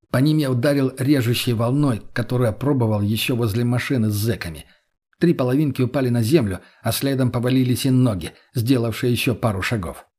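A man narrating a story in the first person, steady and matter-of-fact. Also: mid-range voice, breathy edge. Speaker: audiobook narrator.

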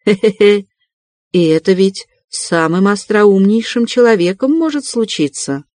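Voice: mid-range voice, animated, a little slow, darkish tone, no echo, lightly acted. A reader voicing a fussy, ingratiating middle-aged male investigator in an audiobook, wheedling and chuckling. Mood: sly, chuckling. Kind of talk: audiobook character reading.

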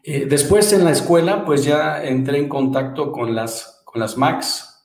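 A man's voice: on the high side, a little slow, a little mellow, roomy sound, low-quality recording. A man in his thirties, from Mexico, chatting as a podcast guest and often repeating words as he starts a thought. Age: 30s. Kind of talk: casual interview chat.

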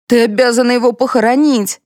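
A woman's voice: on the high side, steady tone, darkish tone, no room sound, studio quality, voice pushed up, lightly acted. A woman reading a vengeful, screaming middle-aged woman who demands money, in an audiobook. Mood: furious. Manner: screaming, demanding, raised and drawn-out. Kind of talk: audiobook character voice.

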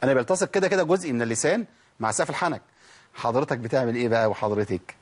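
A man's voice: mid-range voice, expressive, very fast. A man with an Egyptian accent teaching Quran recitation rules, asking listeners questions and answering them himself while demonstrating letter sounds. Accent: Egyptian Arabic. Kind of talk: recorded tajweed lesson.

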